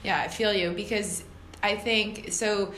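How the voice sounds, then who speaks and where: A woman's voice: mid-range voice, fairly even intonation, measured pace, fairly bright tone. A woman co-hosting a casual astrology podcast, loose and goofy, laughing easily. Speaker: podcast co-host. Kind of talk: casual chat. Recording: echoey room, faint noise.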